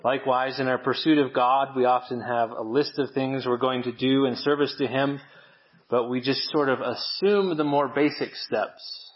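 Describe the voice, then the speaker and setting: A man's voice: medium pitch, fairly even intonation, normal speed, muffled recording. A man preaching a sermon at a church service, talking in a conversational, self-deprecating storytelling way.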